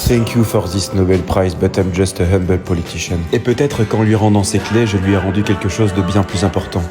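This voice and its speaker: A man's voice: deep voice, fairly even intonation, fairly quick, music in the background. Man with grandiose inner monologue. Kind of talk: parody voice-over sketch.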